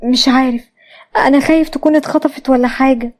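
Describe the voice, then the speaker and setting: A woman's voice: high-pitched, fairly even intonation, fast talker, lightly acted. A woman voicing a fretful Egyptian man. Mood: worried. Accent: Egyptian Arabic. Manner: fretful, flustered. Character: worried anxious middle-aged man.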